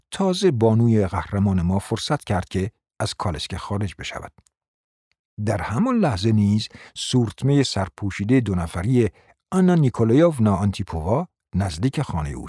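A man reading a classic novel aloud as narrator, in measured storytelling delivery. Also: lowish voice, darkish tone, slightly rough, no echo, studio quality. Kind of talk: scripted audiobook narration.

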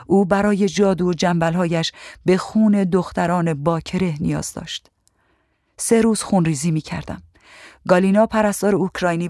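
An audiobook narrator reading a memoir in the first person with steady, somber delivery. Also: medium pitch, no echo, clean studio sound.

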